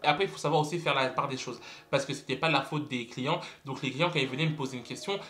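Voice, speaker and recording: A man's voice: mid-range voice, fast, fairly bright tone. A young man telling a story to camera in a casual vlog, dramatic and exclamatory, repeating words for emphasis. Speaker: vlogger.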